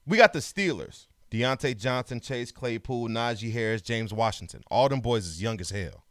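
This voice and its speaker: A man's voice: mid-range voice, animated, moderate pace, no echo, clean studio sound. A man co-hosting a sports podcast in casual chat, rattling off lists of players and making emphatic points. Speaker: podcast co-host.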